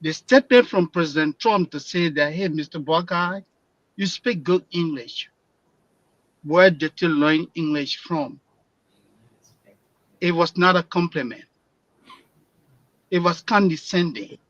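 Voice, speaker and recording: A high-voiced man from Liberia with a Liberian accent argues his point on a radio panel, building to loud, emphatic delivery. His voice comes through dry and muffled, as if over a dull phone-in line. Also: unhurried, pauses often, no echo. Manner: impassioned, grows loud and emphatic. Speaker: panel guest.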